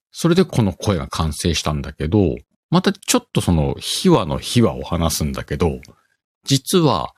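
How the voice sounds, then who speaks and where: Deep-voiced man with a Kansai accent, rambling. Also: dry recording. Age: middle-aged. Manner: rambling, animated storytelling with laughs. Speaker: podcast host. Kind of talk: casual solo chat.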